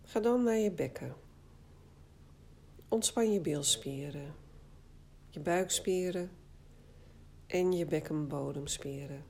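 A woman guiding a body scan relaxation exercise, speaking calmly and soothingly in short phrases with long pauses. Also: low voice, creaky, a little hiss or hum. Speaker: guided meditation instructor.

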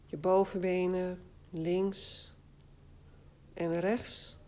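A woman guiding a body scan relaxation exercise, speaking calmly and soothingly in short phrases with long pauses. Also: fairly low pitch. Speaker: guided meditation instructor.

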